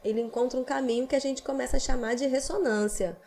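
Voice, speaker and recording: A woman's voice: high-pitched, steady tone, fast, mellow. A woman singing teacher with a Brazilian accent, patiently explaining vocal technique in a casual podcast chat. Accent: Brazilian Portuguese.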